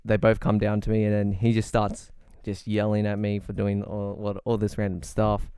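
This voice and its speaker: A man's voice: fairly low pitch, completely flat delivery, moderate pace, warm tone, smooth. Young man telling a rambling story. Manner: rambling, self-correcting storytelling with laughs. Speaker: podcast co-host. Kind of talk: casual storytelling.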